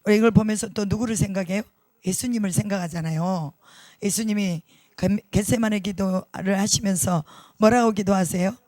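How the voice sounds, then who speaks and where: Pastor, male, fairly high voice, dry close sound, emphatic sermon delivery with repeated words and rhetorical questions. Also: steady tone, moderate pace, a little mellow, no room sound. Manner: repeats key words for stress.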